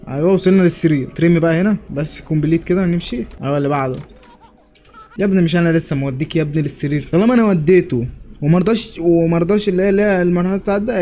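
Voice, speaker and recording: This young gamer's voice is fairly high and mellow, with slight background noise behind it. Speaking with an Egyptian Arabic accent, he delivers jokey let's play commentary and talks back to the game's characters.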